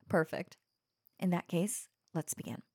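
A young woman voicing an obsessive young streamer who speaks softly and coaxingly to the listener, with nervous giggles. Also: on the low side, breathy edge, no room sound, clean studio sound, heavily acted. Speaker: voice actor in an audio roleplay. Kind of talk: audio roleplay addressed to the listener.

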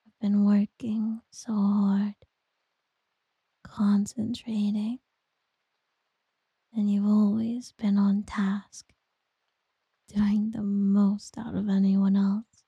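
A woman doing a whispered ASMR girlfriend roleplay, soft, teasing and doting. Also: medium pitch, monotone, drawn-out words, pauses often, slightly rough, no room sound, highs cut off.

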